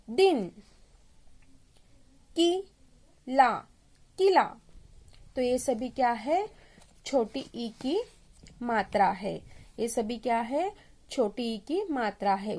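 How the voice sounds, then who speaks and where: A woman teaching young children, sounding out each syllable slowly and talking to them directly. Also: fairly high pitch, warm tone. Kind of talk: children's Hindi lesson.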